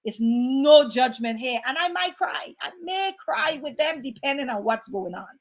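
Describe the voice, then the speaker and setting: A woman with a bright, high voice talks to her audience in a loose, animated way. She keeps it conversational and chats warmly with viewers as she reads out their comments. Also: moderate pace. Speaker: host reading live chat. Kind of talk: casual livestream talk.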